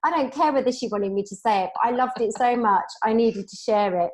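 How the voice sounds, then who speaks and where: A woman's voice: fairly high pitch, brisk. A woman hosting a conversational podcast, enthusiastic and effusive as she introduces and questions her guest. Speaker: podcast host, business coach. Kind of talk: casual interview chat.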